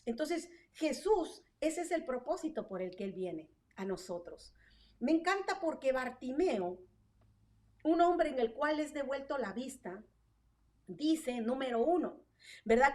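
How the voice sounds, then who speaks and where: A woman's voice: high voice, darkish tone, recorded from a distance. A woman preaching an online sermon with fervent energy, asking rhetorical questions and tagging her points with "¿verdad?". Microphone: online stream.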